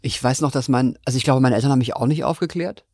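A man's voice: medium pitch, racing, a little mellow, no room sound, studio quality. A man with a Baden accent, co-hosting a podcast in casual, playful chat and telling funny stories. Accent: Baden German. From Baden, Germany. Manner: playful, joking storyteller. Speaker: podcast co-host.

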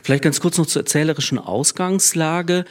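A man hosting a radio book discussion and moderating it in a measured way. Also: on the high side. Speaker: host.

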